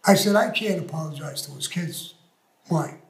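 An older man speaks a little high at a normal speed, telling his story bluntly and profanely as an interview guest. He comes across as tough-talking, and the recording has a roomy echo with faint music behind it.

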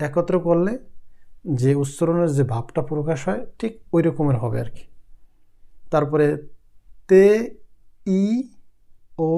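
Male tutor, unhurried, warm low tone, spells and repeats sounds patiently. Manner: spells letters one by one, repeats each sound. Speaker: German language teacher. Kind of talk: slow spelling-out lesson.

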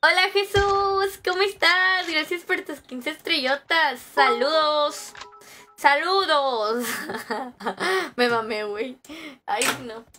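Woman streamer, young, high bright voice, unhurried, jokey with chat. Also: a little hiss or hum. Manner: joking, reads chat aloud and greets viewers. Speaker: game streamer. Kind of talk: casual live-stream chat.

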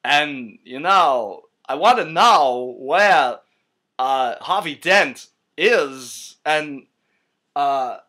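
A man voicing a gruff masked vigilante in a stiff, mock-solemn parody voice. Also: fairly high pitch, expressive, very slow, bright, forceful tone, full character voice.

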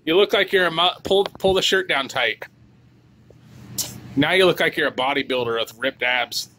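A man's voice: on the high side, moderate pace, pushed and bright. A man chatting casually and teasingly as he films a family vlog on a handheld camera mic. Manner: teasing, joking. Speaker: vlogger behind the camera. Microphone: camera mic, held by the speaker. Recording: noisy handheld home video.

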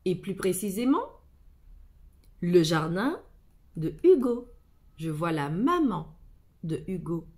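A woman teacher giving a slow, carefully articulated reading lesson to young children, patiently speaking to the child and repeating each word twice. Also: mid-range voice, darkish tone. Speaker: primary school teacher.

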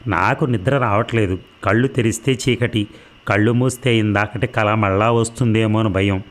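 Audiobook narrator, man, low voice, steady novel reading. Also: moderate pace. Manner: steady, storytelling.

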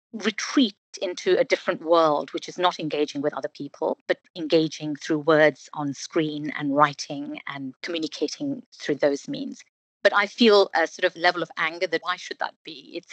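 A woman in her fifties from North London, a podcast guest telling a family story in a measured, earnest way. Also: deep voice, fairly bright tone, no echo, rough recording. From Britain, North London. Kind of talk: personal storytelling in interview.

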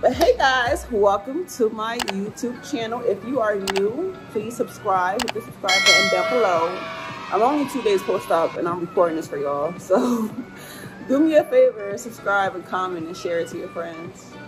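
A woman's voice: mid-range voice, lively intonation, normal speed, poor audio. Young woman chatting casually, music behind. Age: young adult. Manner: informal, slangy, emphatic. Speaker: vlogger. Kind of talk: casual chat to camera. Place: indoor room at home or lodging, fan running.

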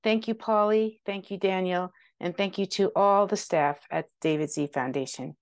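A woman's voice: medium pitch, normal speed. A woman in her forties, founder of a studio, giving an upbeat, grateful scripted introduction on a video call through wired earbuds. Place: home room with a virtual background.

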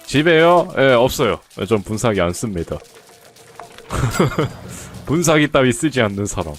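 A man's voice: mid-range voice, big pitch swings, a little slow. A man casually commenting on his own gameplay, chatting to viewers and teasing the characters on screen. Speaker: game streamer. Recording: faint game music behind.

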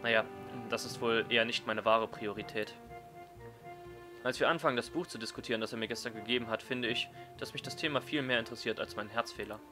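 A man reading a visual novel aloud as a let's player, in an expressive storytelling style. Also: medium pitch, fast, music in the background.

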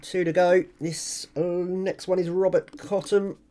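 A man's voice: high voice, flat delivery, a little slow, mellow. A man hosting an online prize draw, announcing winners in a casual, chatty, informal way and talking directly to viewers. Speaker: online giveaway host and video channel owner.

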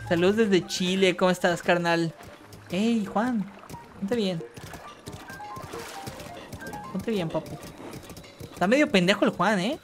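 A woman with a Mexican accent streaming gameplay, talking in slangy, profane chatter and bursting into panicked yelling. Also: medium pitch, measured pace, pauses often, faint music behind. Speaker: gaming streamer. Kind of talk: live gameplay commentary.

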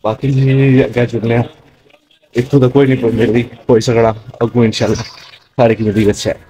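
A man's voice: mid-range voice, level tone, moderate pace, warm tone. A young man with a Pothwari Punjabi accent, vlogging casually as he walks a market and greets shopkeepers. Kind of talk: casual walking vlog chat. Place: busy outdoor bazaar. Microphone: handheld camera at arm's length. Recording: crowded street noise. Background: crowd chatter and street noise.

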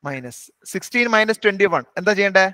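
A man teaching a live online maths class, briskly quizzing and coaxing students by name. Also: high-pitched, animated, sharp tone, clean tone, no room sound.

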